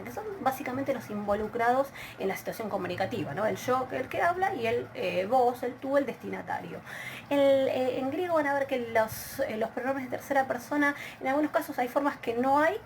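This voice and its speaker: A woman's voice: fairly high pitch, slight background noise. Argentine woman teaching a recorded lesson. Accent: Argentine Spanish. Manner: explanatory, many filler hesitations and restarts. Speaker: Greek language teacher. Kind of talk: recorded video lecture.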